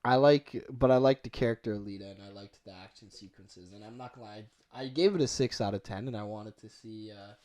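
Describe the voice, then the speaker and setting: A man's voice: lowish voice, crowd noise. Laid-back man listing favorite movies. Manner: loose and halting, many fillers. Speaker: podcast co-host. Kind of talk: casual movie review chat.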